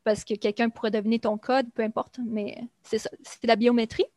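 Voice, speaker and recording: A young adult woman, explaining things in a relaxed conversation, chatty and full of fillers. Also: fairly high pitch, fairly quick, no room sound, clean studio sound. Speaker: guest recounting life in Brazil. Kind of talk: casual conversation.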